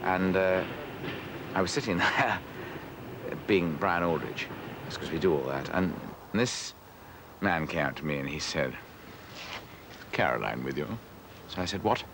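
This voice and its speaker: A man, an actor, telling self-mocking anecdotes about his radio role in a casual, animated way. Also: sits low, measured pace, pauses often, noisy background. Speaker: actor interviewee.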